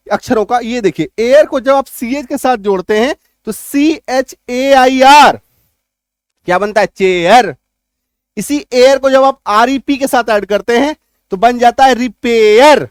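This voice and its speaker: A man teaching an English spelling lesson, explaining step by step, spelling words out slowly and loudly, and often asking whether the class is following. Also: extremely high pitch, dry recording, studio quality. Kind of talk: spoken language lesson.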